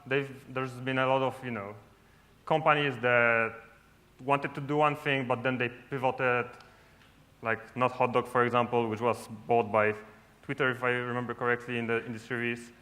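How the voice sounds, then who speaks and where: His medium-pitched voice stays fairly flat in pitch, moving at a moderate pace and sounding pushed and bright. The man, from Poland and a native Polish speaker, gives a casual talk on a large lit conference stage, often tagging sentences with "right?".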